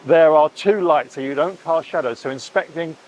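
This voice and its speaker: A middle-aged man with a slightly high voice tours his catamaran build at a boatyard at a moderate pace, chatty and admiring, exclaiming over details with frequent oohs. This casual walkthrough vlog has a rough recording with a little hiss or hum.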